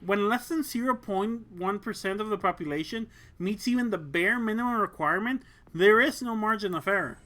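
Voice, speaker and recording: A reader voicing a confident young woman lieutenant who speaks in a crisp, assured command tone, in an audiobook of a mecha story. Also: medium pitch, fairly quick, few pauses, fairly bright tone, natural voice. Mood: reassuring.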